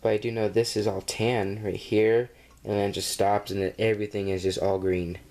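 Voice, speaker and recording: A man's voice: fairly low pitch, flat delivery, moderate pace, darkish tone. A man with a cold, reviewing a toy in a casual, rambling way, full of ums and uhs, filmed at home on a camera mic. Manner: rambling and hesitant, with many fillers. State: has a cold.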